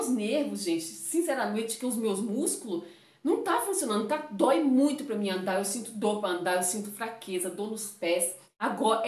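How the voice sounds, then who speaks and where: Woman vlogger from Brazil, fairly high voice, chatty and personal, a bit sniffly, recorded in a roomy space. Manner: chatty, addresses viewers as gente. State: runny nose. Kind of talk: casual chat to camera.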